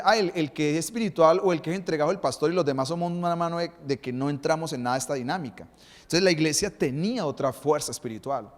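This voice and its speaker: A man's voice: on the high side, a little mellow, in a large hall. A male pastor, preaching a sermon and asking the congregation rhetorical questions.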